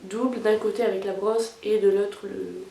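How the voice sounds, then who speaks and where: A woman's voice: medium pitch, steady tone, normal speed, creaky, dark tone. Young woman doing a chatty makeup tutorial, lots of ums, echoey room, camera kinda far. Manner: hesitant, many fillers and restarts. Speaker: beauty vlogger. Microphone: camera mic at a distance. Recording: roomy sound, camera set back.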